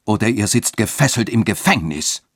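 A man's voice: fairly low pitch, animated, moderate pace, no echo, studio quality. A man reading a literary radio story and voicing a wrathful, fanatical bishop who thunders his commands. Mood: stern.

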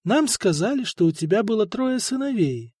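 A man's voice: sits high, very animated, normal speed, darkish tone, no room sound, clean studio sound, voice pushed up, full character voice. A man voicing a cool, condescending imperial eunuch envoy in an audiobook. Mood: coaxing. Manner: smooth, condescending, icy.

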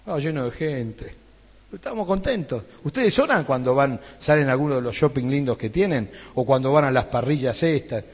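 A man's voice: medium pitch, animated, moderate pace, darkish tone, slightly rough. A middle-aged man with an Argentine Rioplatense accent preaching a sermon, telling a story and acting out the dialogue with growing fervor. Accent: Argentine Rioplatense Spanish. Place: church hall. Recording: dull sound with long hall reverb.

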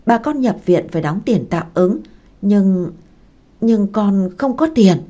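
A woman's voice: mid-range voice, lively intonation, mellow. Woman doing a desperate pleading young woman. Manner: pleading, halting, choked up. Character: poor young woman begging for a loan, desperate.

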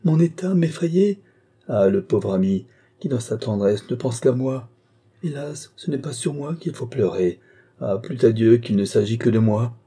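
A man's voice: medium pitch, expressive, unhurried, dark tone, slightly rough, pitched above the performer's own voice. A man reading an audiobook, voicing a scheming noblewoman who feigns tearful grief in a raised, pleading voice. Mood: anguished pleading.

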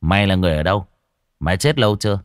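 A man's voice: low voice, lively intonation, dry recording. Cast a man doing a swaggering street-tough ghost hunter in an audio horror story, dry close sound. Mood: stern. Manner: taunting, gruff, fast. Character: brash young male exorcist, cocky and rough.

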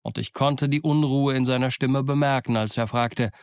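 Male audiobook narrator, measured, mid-pitched, dry close sound. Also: smooth, no room sound. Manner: measured, even storytelling. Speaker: audiobook reader. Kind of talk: scripted narration.

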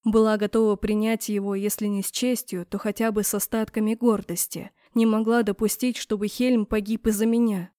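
A woman narrating a fantasy novel in the first person, reading the heroine's cries with rising pitch and force. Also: level tone, brisk, hardly any pauses, warm tone, no room sound, studio quality. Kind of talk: audiobook narration.

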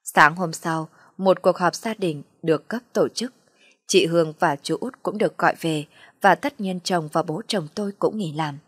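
Brief: woman narrator for an audio story, low-pitched, soft and sorrowful, dry close sound. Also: normal speed, slightly rough, no room sound.

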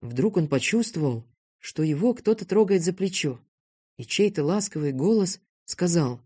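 Storybook narration, calm even reader, mid-pitched voice. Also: moderate pace, husky.

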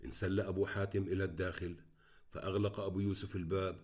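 A man reading an audiobook in measured, even scripted narration. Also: low voice.

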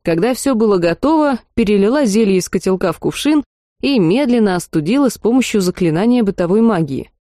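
A woman narrating a first-person fantasy audiobook in a lively, wry storytelling manner. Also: medium pitch, brisk, dry recording, clean studio sound.

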